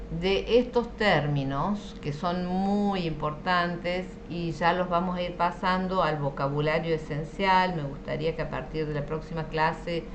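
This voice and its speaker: A woman with an Argentine Spanish accent teaches French in an online class, explaining patiently and frequently checking that her students are keeping up. Her voice sits low, and there is background noise.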